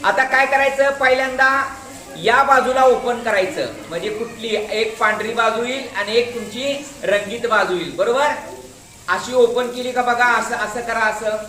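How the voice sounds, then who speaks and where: A man's voice: extremely high pitch, normal speed, pushed and bright. A male school teacher patiently demonstrating a craft to his class, repeating each step and calling the pupils to watch. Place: echoey classroom. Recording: roomy classroom echo.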